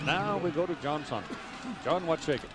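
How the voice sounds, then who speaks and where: A man doing college football play-by-play, calling each play briskly from a stadium broadcast booth. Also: a little high, lively intonation. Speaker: play-by-play announcer. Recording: loud noise under an old broadcast.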